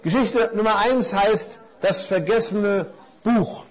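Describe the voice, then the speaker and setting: A man's voice: high-pitched, slow, rough recording. A man, a pastor, giving a casual sermon built around stories and reading one aloud. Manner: casual, lively storytelling. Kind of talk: storytelling sermon.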